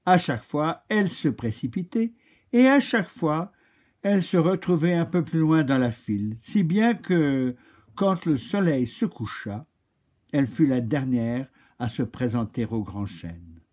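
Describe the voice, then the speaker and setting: A man reading a children's story aloud in a slow, expressive way. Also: fairly high pitch.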